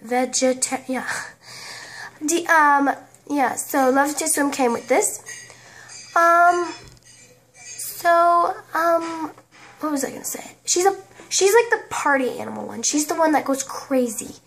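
A woman casually commenting on a life-sim game, rambling and halting, often tripping over words. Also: high-pitched, a bit bright. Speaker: game video creator.

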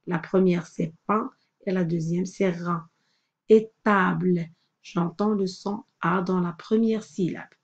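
A woman teaching a phonics lesson to young children, patiently sounding out each word slowly. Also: lowish voice, steady tone, darkish tone, highs cut off.

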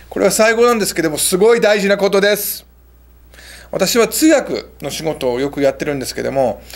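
A man hosting a casual English lesson, chatty, slowing down for English phrases. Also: a little high. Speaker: English teacher and show host.

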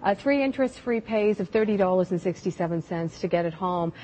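A woman hosting a live home shopping show, giving a conversational sales pitch in a TV studio. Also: animated, fairly quick, mellow, slight background noise, poor audio.

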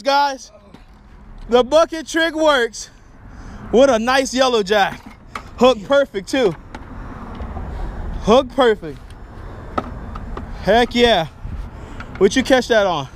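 A young man vlogging his fishing from a bridge by the sea, excitable and talkative, filmed on an action camera outdoors. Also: very high-pitched, slow, long pauses, slight background noise. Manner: excitable, hollers and laughs, repeats himself.

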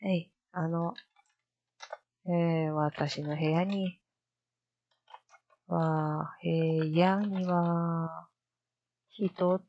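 A woman streamer chatting casually to herself, slowly repeating practice sentences and musing aloud. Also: fairly low pitch, fairly even intonation, muffled recording, a little hiss or hum. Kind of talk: casual live-stream commentary.

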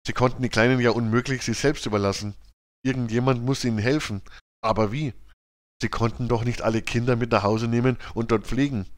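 A man narrates a children's audiobook in an even, clear manner, his voice sitting in a middle register. The recording is very dry and close, with no room sound. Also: medium pitch, a little fast, dry recording.

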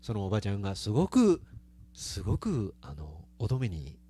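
A man's voice: on the low side, huge pitch swings, normal speed, dark tone, breathy edge. A man with a Kansai accent, a singer chatting casually with his live stream audience between songs, laughing often. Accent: Kansai Japanese. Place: small live music venue.

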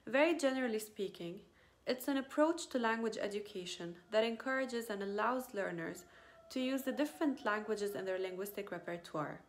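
A woman, her Arabic, presenting her doctoral research in a careful, formal recited way, recorded on a phone camera at arm's length in a small indoor room. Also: medium pitch. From Lebanon. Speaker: PhD student.

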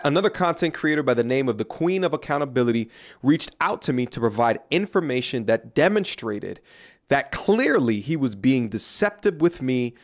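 A man in his thirties speaks straight into a close studio mic, his voice sitting a touch higher than most men's. He lays out his case in a scripted, earnest commentary, pointed and now and then openly incredulous. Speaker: commentary YouTuber. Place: small room indoors. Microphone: studio mic on a boom in front of him.

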